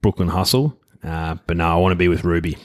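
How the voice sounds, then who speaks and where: A man with an Australian accent and a low voice. He talks casually as a racing tipster, chatting through his picks with a co-host. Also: quick pace. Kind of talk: casual horse racing tips chat.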